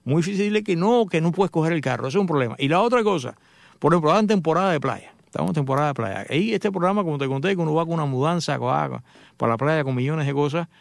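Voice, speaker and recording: A middle-aged man hosts a radio segment about cars, rattling off jokey anecdotes at a brisk clip. His voice sits a touch high and carries a gravelly rasp. The sound is dry and close, with no room around it. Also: expressive, dry recording. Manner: joking, chatty storyteller addressing listeners. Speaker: radio host and motoring journalist. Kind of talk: casual radio talk with anecdotes.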